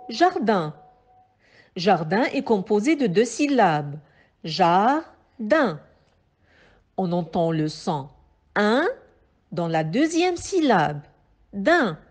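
A woman teacher with a Moroccan French accent giving a slow phonics lesson to young pupils, carefully articulating and repeating each sound. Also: mid-range voice, a little mellow. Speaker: primary school teacher.

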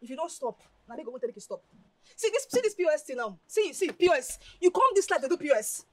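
Playful money-hungry young Nigerian woman, coaxing, high voice, Nollywood film drama. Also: big pitch swings, fast, no room sound. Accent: Nigerian English. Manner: coaxing, pleading, laughs loudly.

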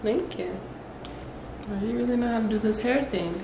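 Speaking at a moderate pace in a slightly high voice, this woman in her 20s chats casually as a salon client; she's also a vlogger. She's indoors in a small room, and the audio carries a roomy echo with obvious noise.

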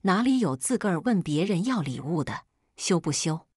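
A nagging older mother who sighs and complains, full of self-pity, put on by a woman telling the story. The voice is low and a bit breathy, and it rises and falls a lot. It is recorded dry and close as storybook narration. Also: big pitch swings, normal speed, a little mellow, no echo. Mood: scolding. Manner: sighing, complaining.

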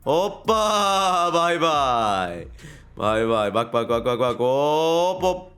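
A young man giving casual commentary on a football video game, getting frustrated, ranting and shouting at big plays. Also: fairly high pitch, big pitch swings, drawn-out words, faint music behind. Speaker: gaming YouTuber.

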